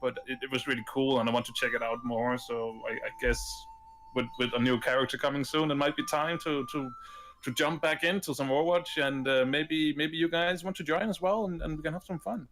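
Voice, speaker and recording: A man's voice: fairly high pitch, steady tone, brisk, fairly bright tone, rough recording. A man from Denmark with a Danish accent, co-hosting a casual live stream chat, often stumbling and restarting his sentences. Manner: hesitant, stammering restarts. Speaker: podcast co-host.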